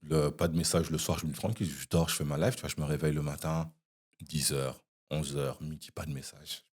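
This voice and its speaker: A young man, a podcast guest, telling an animated anecdote in casual chat, with frequent "you see" asides. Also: extremely low pitch, a little fast, slightly rough.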